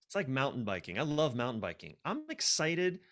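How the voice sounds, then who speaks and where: A man appears as a guest and coach on a podcast, talking through ideas in a reflective, halting way and repeating key words to stress them. His voice sits at a medium pitch, very animated and a little bright.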